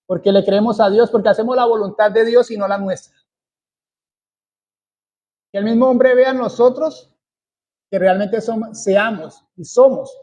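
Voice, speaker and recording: A man from Colombia preaches a sermon at an unhurried pace. His voice sits high yet sounds mellow and dark in tone. He stresses his points by repeating phrases deliberately. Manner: slow, deliberate preaching with emphatic repetition.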